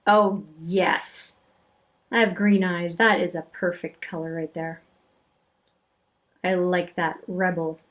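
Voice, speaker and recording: A woman's voice: lowish voice, steady tone, slow, long pauses. Chatty woman swatching eyeshadows. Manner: chatty, admiring, often trails off into quiet asides. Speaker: beauty channel host. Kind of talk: casual swatching commentary.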